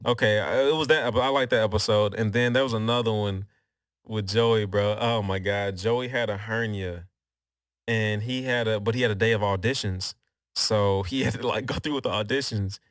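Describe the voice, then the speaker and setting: A man co-hosting a podcast, recapping a sitcom in casual chat with slangy, animated storytelling and lots of laughter. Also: on the low side, moderate pace, no room sound, clean studio sound. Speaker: podcast co-host.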